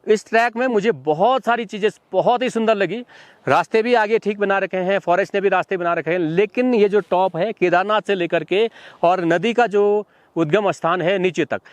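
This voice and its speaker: A young man narrating his mountain trek outdoors on a high ridge, pointing things out to viewers. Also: normal speed, dry recording. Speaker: trekking vlogger.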